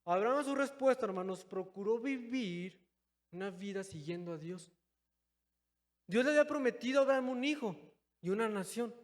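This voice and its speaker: A young man preaching a sermon in a church, calling his listeners brothers and moving between loud, stressed phrases and quiet, low asides. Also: lively intonation, normal speed. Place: church hall. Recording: long hall reverb.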